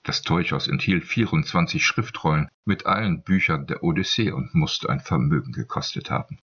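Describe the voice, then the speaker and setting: A man tells the story steadily, in the measured manner of an audiobook narrator. His voice is very deep and husky. The recording sounds dull and lo-fi. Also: a bit bright. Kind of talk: scripted narration.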